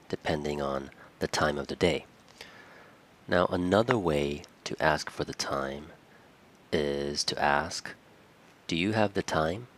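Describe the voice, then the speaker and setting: A man teaching an English lesson, talking slowly and patiently and repeating the example phrases. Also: a bass voice, fairly bright tone. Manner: acts out short example dialogues. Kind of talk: explaining lesson to camera.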